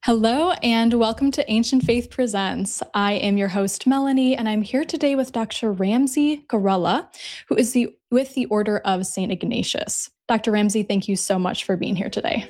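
A woman's voice: a little high, normal speed, darkish tone. A woman hosting an interview, speaking enthusiastically and encouraging her guest with short affirmations. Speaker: podcast host.

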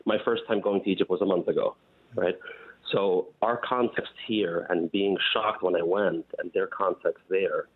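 Deep husky man calling in. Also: normal speed. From United States. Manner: earnest, steady, occasional fillers. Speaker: caller. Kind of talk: call-in show comment. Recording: tinny phone line.

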